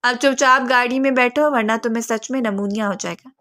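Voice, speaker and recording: A woman's voice: fairly high pitch, a bit bright, close to an everyday voice. A woman voicing a brusque young man, head of a mafia family, with curt, scolding lines. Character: brusque young male mafia heir, gruff.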